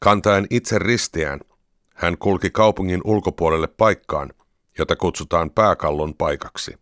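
A man narrating a scripture reading in an even, measured way. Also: low voice, no echo, clean studio sound.

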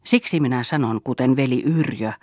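A man's voice: mid-range voice, warm tone, dry recording, studio quality, natural voice. A man voicing an older male veteran reveler who gives a solemn, sentimental toast.

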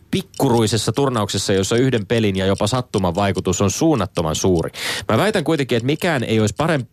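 A man co-hosting a sports debate show, arguing eagerly and optimistically in a quick back-and-forth. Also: lowish voice, no echo. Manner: excitable, argumentative, optimistic. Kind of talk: lively studio debate.

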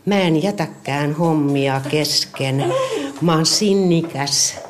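A middle-aged woman chatting casually about her dog, lively and often stumbling over repeated words. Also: low-pitched, background noise. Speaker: dog owner interviewee. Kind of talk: casual personal storytelling.

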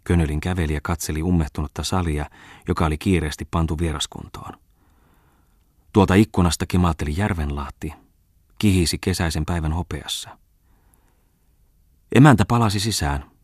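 A man reads a novel aloud in a measured, even storytelling manner. His voice sits very low. The recording is dry and close, with no room echo. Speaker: audiobook narrator. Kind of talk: literary audiobook narration.

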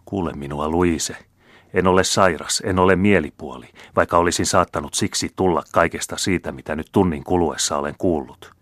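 A man's voice: low voice, a bit bright, no room sound, studio quality. A man reading the part of a tense young nobleman who speaks clipped and tightly controlled. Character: tense young nobleman holding back anger.

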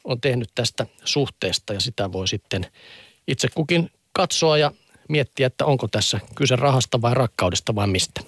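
A man reading magazine excerpts for a radio press review in a calm, measured way, with wry asides. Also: mid-range voice, no echo, clean studio sound.

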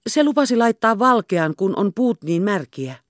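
A woman's voice: very animated, no echo, clean studio sound, natural voice. A woman voicing a timid, devoted young peasant girl in a storybook reading. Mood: plain. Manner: high, crying out.

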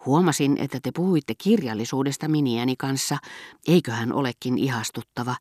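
An elderly aristocratic lady pours out flattery in a clattering, clunking voice, her pitch lifted a little above the reader's own, voiced by a woman narrating. The audiobook recording is dry, with no room sound. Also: no room sound. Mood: confiding. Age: over 60. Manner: effusive, flattering. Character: gushing elderly aristocratic marquise.

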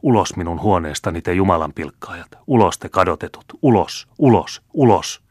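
A harsh old village witch, voiced by a man reading the tale, scolds in a low, curt voice. The recording is close and dry, with no room sound. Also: fairly even intonation, fairly bright tone, dry recording. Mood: furious. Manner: snapping, scolding. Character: stern old woman, short-tempered village witch.

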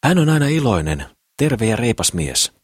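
A man's voice: mid-range voice, sing-song, breathy edge, dry recording, clean studio sound, voice pushed up. A man voicing a jovial young businessman who laughs things off.

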